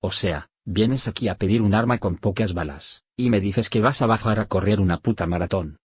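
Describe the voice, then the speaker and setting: A man's voice: fairly low pitch, moderate pace, breathy edge, no echo. A synthetic male text-to-speech voice playing a blunt, foul-mouthed soldier comrade in a zombie story. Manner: blunt and incredulous.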